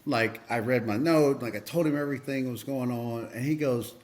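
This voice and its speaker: A man's voice: medium pitch, brisk, darkish tone. A man, a podcast guest and coach, tells a personal story earnestly, with lots of fillers and restarts.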